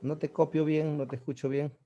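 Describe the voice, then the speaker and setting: A man's voice: a little high, flat delivery, fairly quick, muffled recording, slight background noise. A male teacher giving an online exam-prep class over a video call, explaining step by step and often checking in with his students. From Peru.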